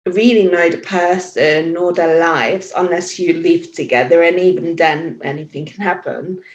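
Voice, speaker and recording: A low-voiced woman with a Hungarian accent speaks a little slowly as a yoga teacher guesting on a podcast, reflective and hesitant with many fillers and restarts. The remote audio is muffled and echoey.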